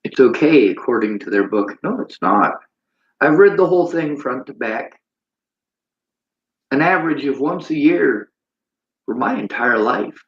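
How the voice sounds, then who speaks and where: A man's voice: medium pitch, animated, unhurried, long pauses, highs cut off. Preachy livestreaming man, roomy sound. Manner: preachy, reads chat aloud. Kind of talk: livestream monologue.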